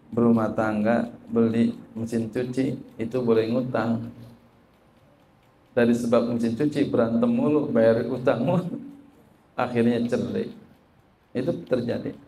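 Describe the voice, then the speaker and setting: An Islamic teacher delivers a sermon on a religious text, lively and repetitive, posing questions to the audience and answering them himself, and reading Arabic phrases before translating them. His medium-pitched voice moves at a measured pace with long pauses, over a slight hiss or hum.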